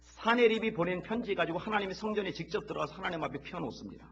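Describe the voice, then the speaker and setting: A man preaching a sermon as pastor in a church, leading the congregation to repeat after him and rising from quiet talk to loud, impassioned shouts. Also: sits high, expressive, fast, highs cut off. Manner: leads the congregation in call-and-repeat. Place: church sanctuary.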